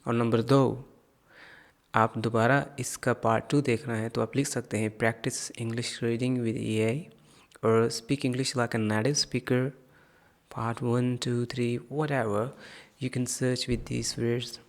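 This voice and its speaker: A man teaching English pronunciation, explaining sounds and repeating practice phrases slowly and deliberately. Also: mid-range voice, little pitch movement. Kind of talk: pronunciation lesson, reading aloud.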